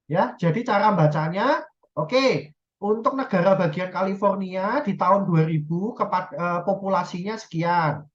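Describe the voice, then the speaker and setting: A woman teaches a university class from a recording, walking through each step and pausing often to check that students follow. Her voice sits at an ordinary pitch. The audio is dull and lo-fi. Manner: explains step by step, often checks "ya" and self-corrects. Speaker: lecturer.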